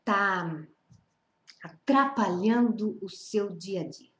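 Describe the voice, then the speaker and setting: A woman's voice: medium pitch, takes it slowly, fairly bright tone. A woman leading a spiritual study group, talking informally and repeating phrases as she checks in with her listeners. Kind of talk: informal spiritual teaching talk. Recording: roomy echo.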